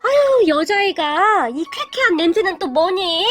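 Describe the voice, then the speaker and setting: A woman's voice: very high voice, animated, a little slow, pitched above the performer's own voice. A woman voicing a snobbish, wealthy middle-aged mother who speaks with sneering contempt. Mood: scornful. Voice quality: sneering, scornful. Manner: yelling, contemptuous.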